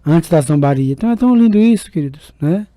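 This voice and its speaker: High-voiced priest preaching. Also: male voice, lively intonation, fast, warm tone, dry recording. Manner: chatty, fond tags like "né" and "queridos". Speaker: priest and radio show host. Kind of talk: radio sermon with advice. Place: radio studio.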